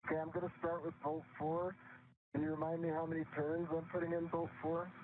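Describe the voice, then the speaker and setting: A man's voice crackles in through a narrow, tinny space radio channel, with a thin wash of hiss under every word. He sits a touch higher than most men and talks in a steady, methodical way, confirming each move aloud like a crew member on a sci-fi communicator. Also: brisk. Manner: calm, methodical, reads back each step. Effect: space radio link, like a sci-fi communicator. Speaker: astronaut on a spacewalk. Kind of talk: procedural radio exchange.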